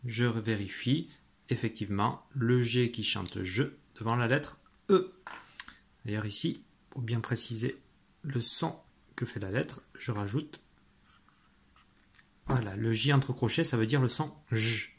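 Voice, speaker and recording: In a phonics lesson for young children, a man teaches French letter sounds, slowly spelling out letters and syllables in a patient, encouraging manner and praising the listener. His voice is medium-pitched, with slight background noise.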